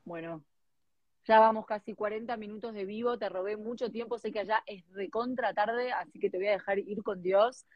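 A woman's voice: mid-range voice, moderate pace, no room sound, muffled recording. A woman with an Argentine Spanish accent hosting a livestream chat, playful and teasing. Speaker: livestream host. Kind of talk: casual chat.

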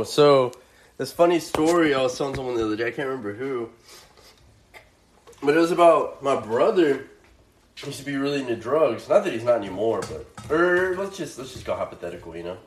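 A man's voice: mid-range voice, animated, normal speed, pauses often, slight background noise. Rambling young man in his kitchen. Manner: rambling, slangy, laid-back. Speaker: vlogger. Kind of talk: casual storytelling. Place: home kitchen, cooking. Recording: roomy kitchen with faint frying sizzle.

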